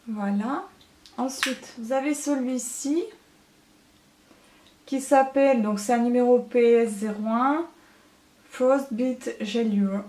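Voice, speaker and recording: A woman talking casually through a makeup haul as a beauty vlogger, chatty and often filling pauses with hesitations. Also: fairly high pitch, darkish tone. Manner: chatty, many hesitant fillers. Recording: echoey room.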